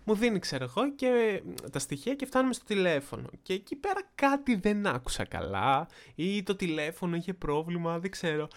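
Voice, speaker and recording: Young guy, animated vlog storyteller with a smooth, slightly high voice. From Greece. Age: young adult. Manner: chatty and animated, jumping pitch when acting out quotes. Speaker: vlogger. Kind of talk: casual storytelling monologue.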